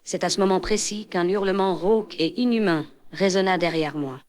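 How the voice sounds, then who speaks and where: A woman narrating a French horror story in a measured, dramatic scripted reading. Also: lowish voice.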